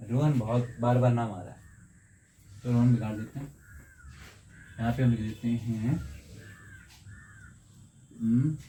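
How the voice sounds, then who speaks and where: A man teaches English grammar in Hindi in a video lesson. He asks his viewers questions and answers them himself. He drags out the example sentences slowly, word by word. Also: medium pitch, dark tone, slight background noise.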